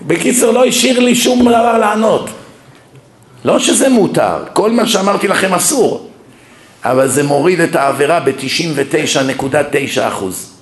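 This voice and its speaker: Echoey man preaching a lively sermon. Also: fairly high pitch. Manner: lively anecdotal preaching with humor. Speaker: rabbi giving a public lecture. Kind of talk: sermon with storytelling. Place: lecture hall.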